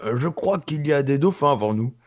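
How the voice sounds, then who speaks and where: A man's voice: medium pitch, lively intonation, fairly quick. A man reading a role in a comic fan-fiction reading on stream, playful and joking.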